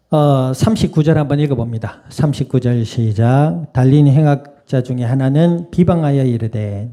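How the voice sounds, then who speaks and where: A man's voice: mid-range voice, mellow. A man preaching a Sunday sermon in a conversational way, asking the congregation questions and laughing now and then. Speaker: pastor. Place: church sanctuary.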